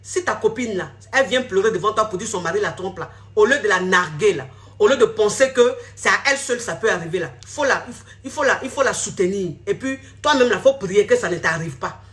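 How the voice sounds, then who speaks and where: A woman's voice: medium pitch, animated, fairly quick, fairly bright tone. A woman coach, talking bluntly and scolding her viewers in a social media video. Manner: blunt, scolding, repeats herself. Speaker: relationship coach. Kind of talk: direct-to-camera social media talk.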